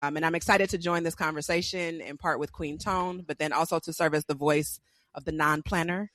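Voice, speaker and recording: A woman from Detroit's east side, a podcast guest talking casually and softly with many fillers. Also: sits low, fairly even intonation, fairly quick, no echo. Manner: soft-spoken, many fillers.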